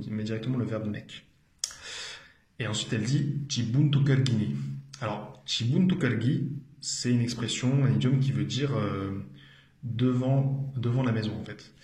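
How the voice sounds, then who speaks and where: A male language teacher explains slowly and patiently in a mid-pitched voice. He repeats each phrase and hesitates often. The room around him adds a noticeable echo. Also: darkish tone. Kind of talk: explanatory video lesson.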